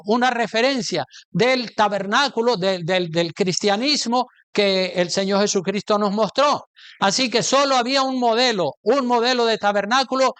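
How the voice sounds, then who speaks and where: A preacher delivers a sermon with emphatic force, his speech peppered with rhetorical questions to the congregation. His voice sits notably high for a man and comes through smooth and clear. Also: fairly bright tone. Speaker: pastor.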